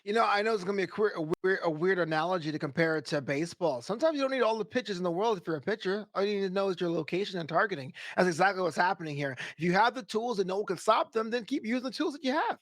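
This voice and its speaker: High-voiced joking male color commentator. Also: animated, rapid-fire, hardly any pauses, a bit bright, no room sound. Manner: playful, joking, laughs often.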